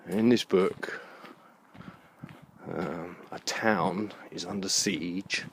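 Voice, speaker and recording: A vlogger strolls through a park after dark, talking to the camera extremely slowly in a low but fairly bright voice with fairly even intonation. He rambles casually and mutters informal asides along the way. The handheld camera picks up plenty of outdoor noise.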